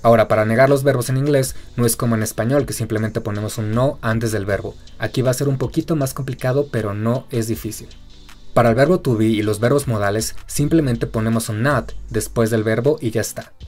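Male host, scripted explainer voice-over, mid-pitched, faint music underneath. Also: darkish tone. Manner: explanatory, slows down to spell out example words. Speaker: educational YouTube host.

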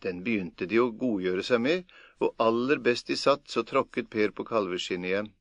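A man reading a folk tale aloud as an audiobook narrator, in a measured, plain storytelling manner. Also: fairly low pitch, dry recording.

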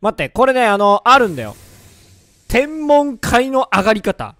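Hoarse, lively high-pitched man. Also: moderate pace, dry recording. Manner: excitable, joking, self-mocking. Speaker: gaming video creator. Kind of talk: gameplay commentary.

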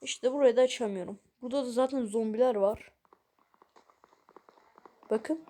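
Exasperated with the game she's playing, a woman who makes gaming videos grumbles through casual let's-play commentary aimed straight at her viewers. She speaks at a moderate pace in a voice on the high side with a dark tone.

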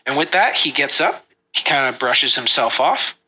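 A man narrating as a dungeon master, with a notably bright, forward tone. His storytelling is relaxed and descriptive. The recording sounds slightly dull and lo-fi. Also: medium pitch, moderate pace, breathy edge. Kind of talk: narrating a tabletop game.

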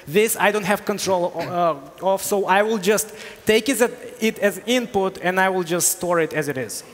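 A high-pitched man in his thirties fields technical questions from a conference audience, explaining step by step with plenty of "uh"s. He wears a headset mic in a big hall, and a long reverb trails his voice. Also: moderate pace. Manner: explanatory, with hesitations. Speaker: conference speaker. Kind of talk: technical Q&A on stage. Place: large hall on stage.

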